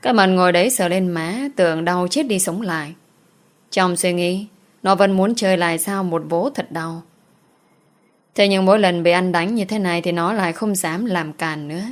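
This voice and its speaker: A woman reading an audio novel in a steady voice. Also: fairly low pitch, normal speed. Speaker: narrator.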